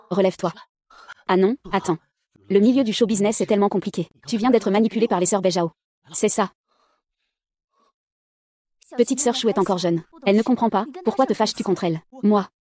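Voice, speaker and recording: A woman reading out a dubbed drama, giving every character the same even voice. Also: medium pitch. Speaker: narrator voicing every character. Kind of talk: fast dubbed drama read-through.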